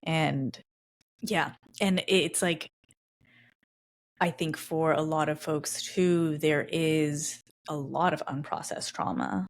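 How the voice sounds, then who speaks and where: A woman with a low voice hosts a conversational podcast interview at a slow pace. She reflects aloud, thinking her ideas through and restarting often.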